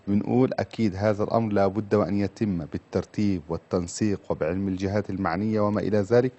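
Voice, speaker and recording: Lowish-voiced Egyptian cleric, speaking quickly. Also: male voice, steady tone, warm tone. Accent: Egyptian Arabic. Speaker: Islamic scholar answering callers. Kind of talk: live religious advice, mixing formal and colloquial Arabic.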